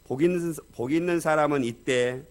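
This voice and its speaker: A man's voice: a little high, moderate pace, lightly acted. A man voicing a blunt male churchgoer with a Gyeongsang dialect who recites a psalm in a bossy, lecturing way and scolds with rhetorical questions.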